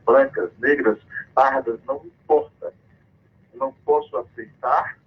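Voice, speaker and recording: A man's voice: medium pitch, slightly rough. A man Brazil's Northeast calling into a radio show on a crackly, cutting-out phone line, speaking in an emphatic, accusatory and defiant way. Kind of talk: impassioned phone-in denunciation.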